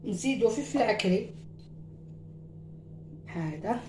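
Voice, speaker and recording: With a mid-range, slightly mellow voice and lively intonation, a cooking show host with an Algerian Arabic accent takes it slowly as she chats viewers through a home cooking demo, sprinkling in French words. There's slight background noise.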